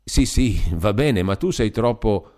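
Man doing a timid sweet young woman, soft, hesitant, storybook voice. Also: lowish voice, lively intonation, unhurried. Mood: gentle. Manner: soft, hesitant, gently reproving. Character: gentle shy young woman, mildly reproachful. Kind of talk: audiobook character voice.

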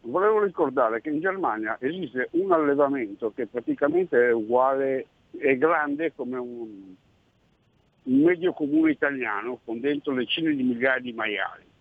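A man's voice: medium pitch, big pitch swings, normal speed, dry recording. A man calling into a radio show over a phone line, talking in an emphatic, insistent way and listing his points one by one. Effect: heard over a phone line into a radio show.

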